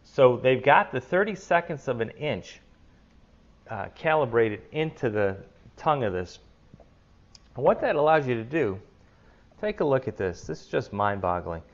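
A middle-aged man runs a casual woodworking video from his home kitchen, chatty and enthusiastic as he demonstrates a tool. His mid-range voice swings widely in pitch at a moderate pace, with long pauses. The lapel mic recording sounds muffled.

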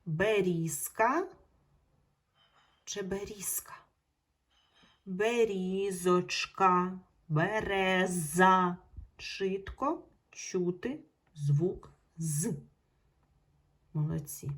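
A woman teaching young children in a video lesson, in a slightly husky voice. She speaks unhurriedly and draws out each example word so every sound is heard. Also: fairly low pitch, animated. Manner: slow, drawn-out pronunciation of example words. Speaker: primary school teacher.

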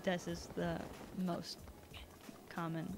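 A woman's voice: lowish voice, completely flat delivery, slow pace, noisy background. A woman from Canada chatting casually while streaming a video game, rambling and laughing often. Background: video game music.

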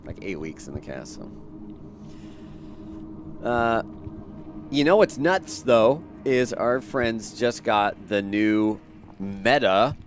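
A man's voice: on the low side, expressive, slow pace, pauses often, slight background noise. A young man from Florida chatting casually as a streamer, rambling and trailing off with fillers. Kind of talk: casual chat.

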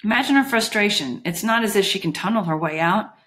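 A woman voicing a huge, calm, menacing male bodyguard who speaks in clipped, commanding, dry sentences. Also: medium pitch, fast, lightly acted.

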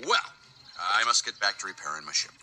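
A man's voice: deep voice, fairly quick, noisy background, natural voice. A man voicing an earnest space ranger toy. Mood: formal. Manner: earnest and formal, talks in heroic jargon. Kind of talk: animated film dialogue. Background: background music.

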